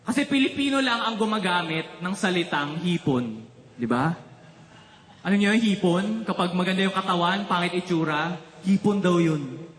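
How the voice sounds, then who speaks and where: A man's voice: high-pitched, moderate pace, echoey room. A man from the Philippines doing a stand-up comedy routine, telling stories and teasing the audience. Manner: animated storytelling, teasing the crowd.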